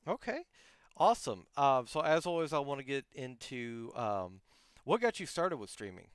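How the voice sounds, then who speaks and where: A man's voice: mid-range voice, big pitch swings, moderate pace, clear, resonant tone, no echo. A man hosting a casual livestream podcast interview, rambling with many fillers and restarts, his voice a little worn. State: losing his voice. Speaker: podcast host.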